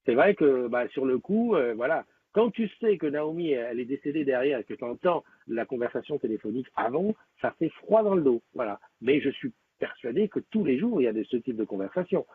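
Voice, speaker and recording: A man's voice: medium pitch, animated, fairly quick, a little hiss or hum. A man hosting a live stream, chatting casually with viewers and rambling with many fillers and restarts. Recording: tinny, lo-fi phone-like sound.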